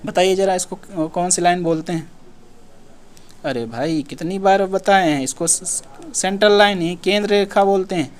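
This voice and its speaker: A man with a high-pitched voice, speaking at normal speed, teaches an exam-prep lesson in a casual style. He repeats himself and asks questions only to answer them himself.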